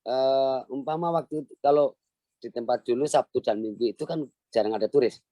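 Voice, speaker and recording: A man's voice: medium pitch, a little fast, mellow, dry recording. A middle-aged man gives an earnest, motivational online lecture. He is the founder of a language village and repeats key phrases for emphasis. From Central Java, Indonesia.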